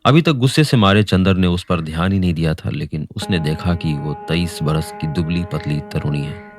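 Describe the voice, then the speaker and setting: A male storyteller giving an expressive, dramatic audiobook reading of a novel. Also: low voice, moderate pace, soft background music.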